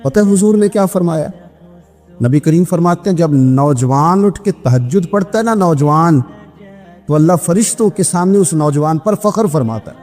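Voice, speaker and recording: Brief: Pakistani male preacher, high-set voice, dramatic storytelling sermon, long hall echo. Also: expressive, a little mellow. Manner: emphatic, voice climbs high at emotional peaks. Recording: long hall reverb with music behind.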